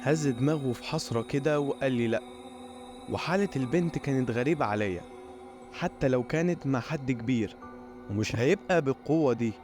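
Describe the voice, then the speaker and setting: A man with an Egyptian Arabic accent, narrating a scripted first-person horror story in a steady storytelling voice. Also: medium pitch, a little fast, faint music behind.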